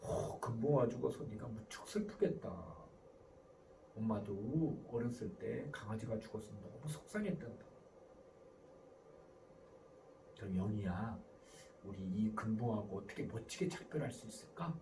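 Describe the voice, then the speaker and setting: A man acting out a caring mother who comforts her child, with a soft, low, soothing voice. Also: animated, moderate pace, distant mic, a little hiss or hum, poor audio.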